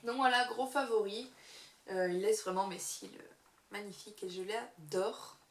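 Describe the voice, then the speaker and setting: Young woman, beauty vlogger, slow halting talk, echoey room. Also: mid-range voice. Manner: hesitant, many fillers. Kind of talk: casual monthly favorites review.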